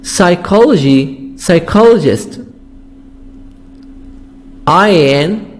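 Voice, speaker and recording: Arabic-speaking male English teacher, slow, higher voice, repeats each word for drilling. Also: lively intonation. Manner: repeats words slowly to drill pronunciation. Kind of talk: vocabulary lesson explanation.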